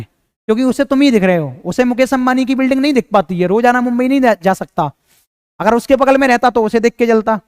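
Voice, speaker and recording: A man's voice: high voice, smooth, no echo, studio quality. A young man teaching physics in a casual, chatty lecture, talking straight to his students and joking with them. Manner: chatty, jokey, addresses students directly.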